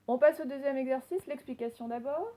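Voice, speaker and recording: Woman teacher slowly sounding out words. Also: sits high, slight background noise, poor audio. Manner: slow, clearly sounded-out words, gentle instructions. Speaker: primary school teacher. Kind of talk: recorded reading lesson for children.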